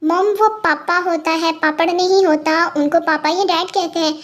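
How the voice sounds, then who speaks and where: A woman's voice: very high-pitched, steady tone, moderate pace. A woman voicing a polite, easily flustered young man in a fan audio story, apologetic and placating.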